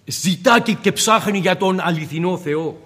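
A man with a high voice preaches a fervent sermon. He acts out the scripture dialogue with swings in loudness. His voice rings with long reverb as in a large hall.

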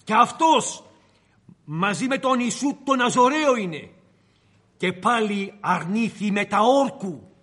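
A man with a high voice delivers a sermon, retelling a story with dramatic flair and speaking straight to his listeners. His voice rings out in a large hall with a long echo, like a church. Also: animated, a bit bright, breathy edge. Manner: dramatic storytelling, addressing the congregation directly. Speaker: preacher.

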